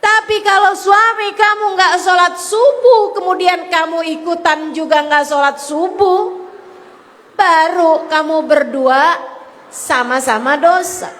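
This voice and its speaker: A woman's voice: very high voice, slow pace, fairly bright tone. A woman preacher giving a sermon, speaking straight to her listeners in a lilting, sing-song cadence. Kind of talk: sermon to a women's audience. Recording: long hall reverb.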